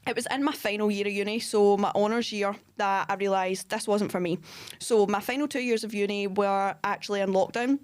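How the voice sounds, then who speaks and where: A woman's voice: medium pitch, fairly even intonation, a little fast, clean tone. A woman in her twenties co-hosting a podcast, telling her story in a chatty way with frequent ums. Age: 20s. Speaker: podcast co-host, fitness coach. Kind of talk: casual chat.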